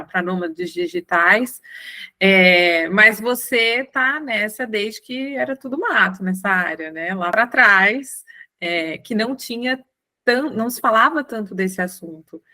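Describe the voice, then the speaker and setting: A woman with a Brazilian Portuguese accent, co-hosting a podcast, asking an interview question quickly with hesitant fillers. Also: medium pitch, bright, forceful tone. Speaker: podcast co-host.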